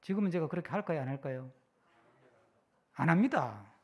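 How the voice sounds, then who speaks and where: A middle-aged male pastor preaching a sermon in an animated way, often checking with the congregation. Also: on the high side, a little fast, muffled recording. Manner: animated, keeps asking the congregation "yes?".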